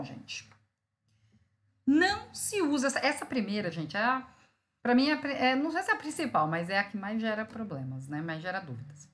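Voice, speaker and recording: Her voice is on the high side and somewhat bright as this woman teacher walks through a recorded grammar lesson one step at a time. She checks in with students and stretches syllables out slowly to stress them.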